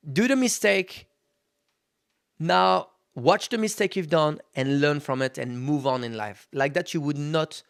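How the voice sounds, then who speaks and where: A podcast host in his thirties delivers a casual motivational monologue in a slightly high, creaky voice with a fairly bright tone. He is candid and relaxed, swears freely and calls his listeners "guys."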